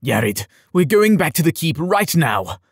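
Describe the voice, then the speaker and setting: A man voicing an old male advisor who speaks in a steady, placating way. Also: medium pitch, moderate pace, breathy edge, dry recording, studio quality. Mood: stern. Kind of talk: audiobook character voice.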